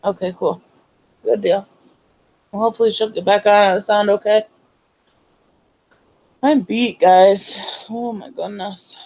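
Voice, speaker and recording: A woman's voice: medium pitch, steady tone, unhurried, pauses often, darkish tone, poor audio. A woman hosting a casual late-night livestream, chatty and teasing, talking asides to her viewers. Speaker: livestream host.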